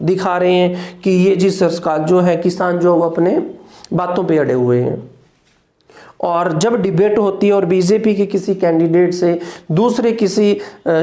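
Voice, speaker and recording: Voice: mid-range voice, warm tone. An English teacher giving an exam-prep lecture, repeating each point and answering their own rhetorical questions. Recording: echoey room.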